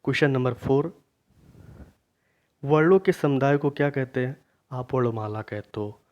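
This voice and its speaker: A man teaching a grammar lesson for exam preparation, asking questions and then answering them himself, repeating key points slowly. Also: mid-range voice, darkish tone. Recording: dull lo-fi recording.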